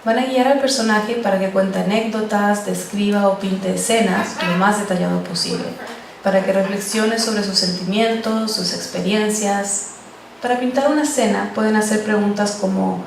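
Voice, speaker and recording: A woman's voice: medium pitch, vocal fry. Woman teaching in a roomy echo. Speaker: podcast journalism instructor. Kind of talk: teaching a talk on podcast interviews. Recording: roomy echo, distant mic, faint noise.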